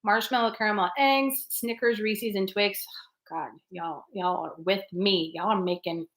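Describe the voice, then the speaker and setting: A woman's voice: mid-range voice, steady tone, measured pace, a bit bright, echoey room. A woman hosting a casual live chat, laughing often and talking straight to her viewers. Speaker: livestream host reading chat.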